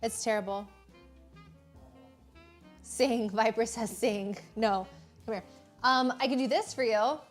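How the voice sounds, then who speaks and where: A woman with a somewhat high voice chats playfully while baking in her home kitchen, addressing viewers. Soft music plays underneath. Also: slow, pauses often. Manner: chatty, playful, talks to viewers. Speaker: home baker, co-host. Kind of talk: casual kitchen chat on a livestream.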